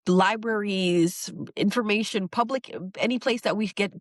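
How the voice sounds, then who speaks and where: A middle-aged New York poet talks in a reflective interview, her voice medium in pitch and her pace moderate. She is thoughtful and earnest, often restarting and repeating words as she thinks. The sound is studio quality with no echo.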